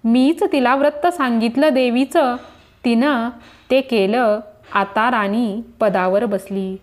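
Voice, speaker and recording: A woman's voice: a little high, slow pace. A woman voicing an angry poor old woman who scolds with bitter reproach in a devotional tale. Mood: indignant.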